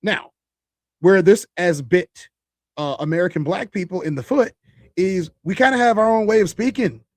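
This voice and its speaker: A man hosts a casual podcast, his voice pitched high for a man. He talks loosely to his viewers and thinks aloud with restarts. The sound is dry and close. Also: normal speed, a little mellow, dry recording. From Chicago. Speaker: podcast host.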